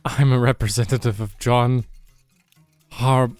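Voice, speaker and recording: A man's voice: mid-range voice, fairly even intonation, measured pace, a little mellow, smooth, no echo, soft background music. A man playing a tabletop game, hesitant and stumbling over names. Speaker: player. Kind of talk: casual tabletop play.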